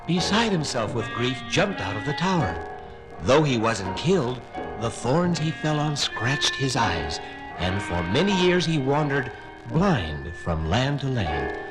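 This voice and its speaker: A man narrating a fairy tale on a vintage children's record in an expressive storytelling voice. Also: mid-range voice, low-quality recording.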